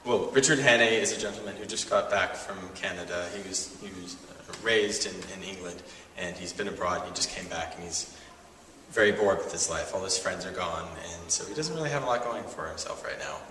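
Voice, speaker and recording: Low-voiced actor from California, echoey hall. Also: male voice, fairly quick, bright, forceful tone, slight background noise. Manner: earnest, good-humoured, short replies. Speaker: stage actor. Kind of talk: casual interview answers. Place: theatre hall. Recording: distant mic in echoey theatre.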